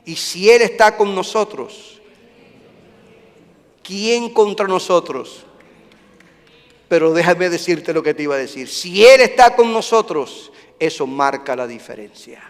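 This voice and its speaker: A male pastor preaching a sermon, moving between loud declarations and hushed, soft passages. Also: high voice, animated, a little slow, pauses often, big-room sound.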